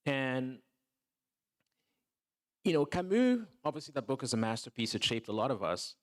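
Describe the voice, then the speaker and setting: A Togo-born film producer, appearing as a guest on a panel, answers thoughtfully at normal speed in a medium-pitched voice with wide pitch swings. He repeats words as he starts sentences and often adds "you know" and "right."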